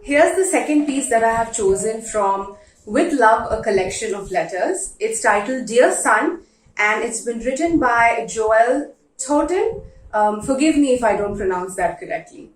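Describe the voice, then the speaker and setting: A woman reads literary letters aloud at a very slow, deliberate pace, pausing for emphasis. Her voice sits fairly high. The recording is roomy and echoey, with her some distance from the microphone. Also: animated, slight background noise. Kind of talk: slow dramatic literary reading.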